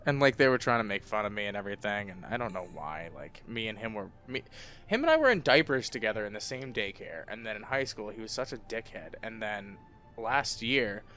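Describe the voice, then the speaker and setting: A man's voice: fairly low pitch, sing-song, a little fast, bright, forceful tone, soft background music. A young man co-hosting a casual podcast, telling rambling, profane stories. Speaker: podcast co-host. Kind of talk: casual chat.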